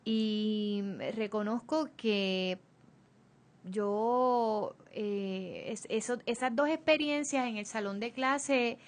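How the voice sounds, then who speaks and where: A woman with a Puerto Rican Caribbean Spanish accent talks as an interview guest. Her voice is a little high. She is conversational and reflective, often hesitating as she thinks. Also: takes it slowly. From Puerto Rico. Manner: hesitant, anecdotal.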